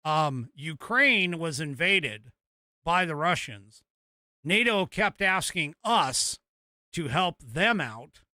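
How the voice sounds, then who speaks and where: An American man hosting a casual political commentary show, talking haltingly as he thinks aloud and reads out news. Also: fairly high pitch, sing-song, bright, forceful tone, dry recording, studio quality.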